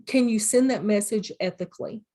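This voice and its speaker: A woman's voice: mid-range voice, a little fast, dark tone. Middle-aged woman teaching a class, down to earth, talks thru examples from her own classroom. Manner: plainspoken, practical, uses personal classroom examples. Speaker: college instructor. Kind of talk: recorded classroom lecture.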